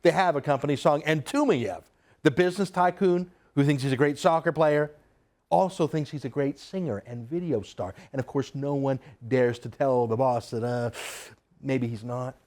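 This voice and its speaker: A man's voice: mid-range voice, moderate pace, a little mellow. A man delivering a combative TV opinion monologue as a commentator, emphatic and sarcastic.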